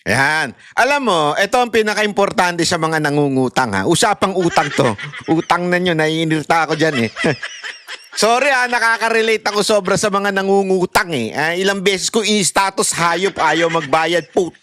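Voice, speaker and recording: A man's voice: sits high, lively intonation, normal speed, sharp tone, no room sound. A man from the Philippines giving heated commentary to his viewers, laughing often and swearing between apologies. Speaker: online commentator.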